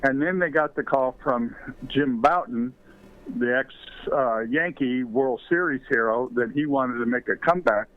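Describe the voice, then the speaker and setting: A man's voice: medium pitch, measured pace. An older man, a former ballplayer and author, telling rambling baseball stories with many fillers as an interview guest. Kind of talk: storytelling in a podcast interview. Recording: tinny phone line.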